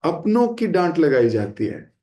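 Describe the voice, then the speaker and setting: A man's voice: on the high side, very animated, measured pace, dark tone, echoey room. A man giving a devotional sermon, acting out the voices of the people he quotes and dropping English phrases into his talk. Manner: acts out quoted speech in shifting voices; mixes English phrases into Hindi. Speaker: devotional speaker. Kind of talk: sermon on scripture.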